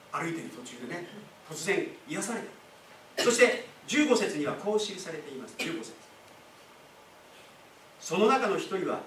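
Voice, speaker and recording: A man with a high-pitched voice gives a sermon, talking to the congregation in a relaxed, explaining way with asides and questions. He stands away from the mic in an echoey church hall, with faint room ambience behind him. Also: distant mic, a little hiss or hum. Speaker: pastor.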